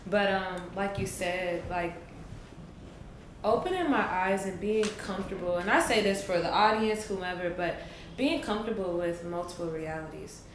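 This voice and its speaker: A woman in her late twenties, thinking aloud in an earnest, reflective casual chat. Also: on the low side. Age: 20s. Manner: earnest, thoughtful, drawn-out pauses. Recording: echoey room with faint noise.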